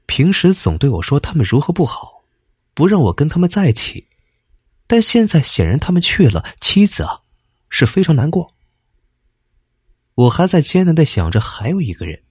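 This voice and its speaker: A man narrating a ghost story in lively storytelling style with dramatic pauses. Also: on the high side, breathy edge, no echo, studio quality.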